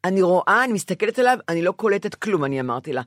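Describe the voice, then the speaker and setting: An older woman co-hosting a podcast, frank and wry, often chiming in with quick agreement in casual chat. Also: lowish voice, big pitch swings, no echo, clean studio sound. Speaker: podcast co-host.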